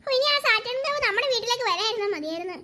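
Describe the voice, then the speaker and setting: Brief: woman as a very high, quick, jumpy cartoon villager. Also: full character voice. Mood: nervous. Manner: excitable, quick exclamations. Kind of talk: cartoon voice acting.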